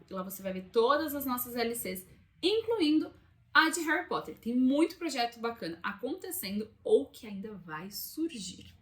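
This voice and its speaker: A young Brazilian woman talks to her camera about books in a relaxed, chatty way, with a voice sitting a little high. She recorded it indoors beside a window and often drops side remarks to the viewers. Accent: Brazilian Portuguese. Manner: chatty, conversational, asides to viewers. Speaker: book channel host. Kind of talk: casual talking-head vlog. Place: room by a window.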